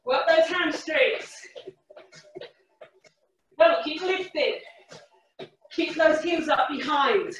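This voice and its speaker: A woman leading a workout class as a fitness instructor, calling short, energetic, encouraging cues and counts. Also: sits high, extremely slow, long pauses, a little hiss or hum. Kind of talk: live workout class coaching. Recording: echoey room, far from the mic.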